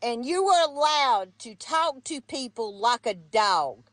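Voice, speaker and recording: A woman's voice: on the high side, animated, measured pace, fairly bright tone, dry recording. A woman from the North Carolina mountains with an Appalachian accent, venting about politics in a blunt, scolding, folksy way on a live stream. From mountains of North Carolina, United States. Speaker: guest caller on a live stream.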